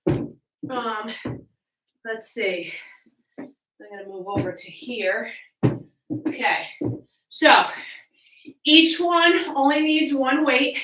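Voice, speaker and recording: A fitness coach with a high, bright voice leads a home workout from a little way off the mic, her sound carrying a roomy echo. She gives encouraging cues and counts in a steady tone, extremely slowly and with frequent pauses, taking her time over instructions.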